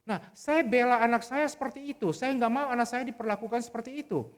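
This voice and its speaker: A man's voice: very high-pitched, fast. A middle-aged man preaching a sermon, telling a personal story in an earnest, conversational way with frequent restarts. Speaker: pastor. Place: church service.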